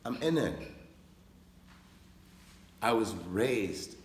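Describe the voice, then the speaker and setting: Slow, solemn man speaking to a crowd. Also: fairly low pitch, expressive, roomy sound. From raised on a reservation in the United States. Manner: slow, deliberate, solemn delivery with long pauses. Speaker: speaker at a public gathering. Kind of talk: impassioned public speech.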